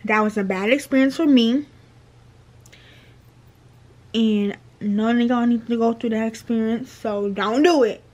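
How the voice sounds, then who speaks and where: A woman's voice: on the high side, measured pace, long pauses, darkish tone. A young woman vlogger telling a casual storytime, chatty and slangy, repeating her phrases.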